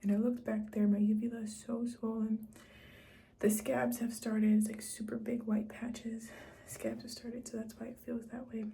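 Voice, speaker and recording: A woman with a thick, muffled voice from a sore, swollen throat, often breathy and close to a whisper, talking haltingly and casually as in a personal video diary. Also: fairly high pitch, level tone, dark tone. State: sore swollen throat after tonsil surgery, effortful and tired. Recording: clear background noise.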